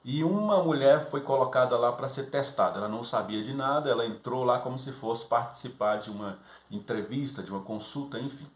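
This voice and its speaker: A man's voice: medium pitch, fairly quick. A man presenting a Sunday school lesson, giving teaching tips in a conversational way and often checking in with his listeners. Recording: echoey room.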